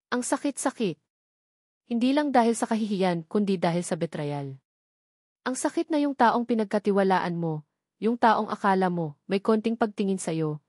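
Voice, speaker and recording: A woman's voice: medium pitch, a little mellow, no echo, studio quality. A woman narrating a first-person audiobook story in Taglish, dwelling emotionally on hurt.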